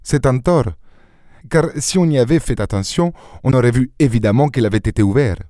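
A man reading an audiobook, voicing a calm, self-assured gentleman detective who explains his reasoning in a slightly lecturing tone. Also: medium pitch, a little fast, dry recording, studio quality, voice pushed up, lightly acted.

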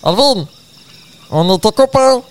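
A man's voice: high voice, expressive, unhurried. A man improvising an adventure story in dialogue, playful and hesitant, repeating words as he goes.

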